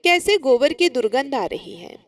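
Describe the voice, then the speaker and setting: A spoiled young daughter-in-law snaps with scorn and irritation, as a woman acts her out. Her voice is high and sharp-tongued, in a storybook tale. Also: very animated, moderate pace. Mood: scornful.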